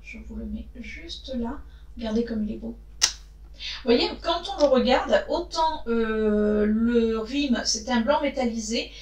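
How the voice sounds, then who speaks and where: A woman chatting casually to her viewers as she reviews makeup, often pausing to hesitate and talking straight to the camera. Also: a little high, darkish tone, reverberant. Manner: chatty, frequent hesitations, addresses viewers directly. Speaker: beauty vlogger.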